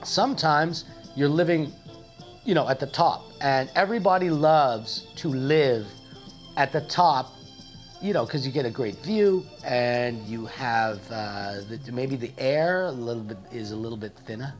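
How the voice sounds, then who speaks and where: A man's voice: mid-range voice, animated, a little slow, faint music behind. A young man telling a comic story in a playful, mock-dramatic way. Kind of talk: comedic storytelling monologue.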